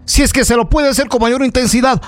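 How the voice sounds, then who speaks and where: Very high-voiced and fast-talking, an Ecuadorian man runs a local radio news programme. He addresses listeners live with heated, opinionated commentary, full of indignation and emphasis, and keeps repeating phrases for effect.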